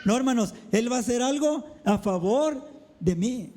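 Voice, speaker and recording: A man preaching a sermon as a pastor, calling the congregation brethren over and over, speaking slowly with emphatic drops in his voice. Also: extremely high pitch, animated, warm tone. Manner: preaching with repeated address to the brethren; slow, emphatic delivery with dramatic drops. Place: church.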